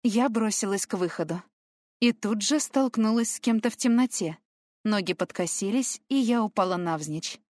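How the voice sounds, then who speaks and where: A woman's voice: medium pitch, normal speed, darkish tone, no echo, studio quality. A woman reading a novel aloud in first person, telling it in a tense, emotional way. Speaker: audiobook reader. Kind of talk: scripted first-person narration.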